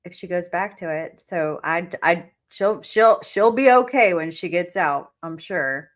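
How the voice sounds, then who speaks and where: A woman's voice: lowish voice, lively intonation, unhurried. A woman co-hosting a casual chat, giving frank, opinionated commentary with fillers. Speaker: co-host.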